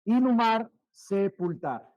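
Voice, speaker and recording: Guy teaching a class, high voice, says words over n over getting quieter, dry sound. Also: big pitch swings, takes it slowly, no room sound, muffled recording. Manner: repeats words, trailing off quieter, asks questions. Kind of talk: vocabulary lesson to students.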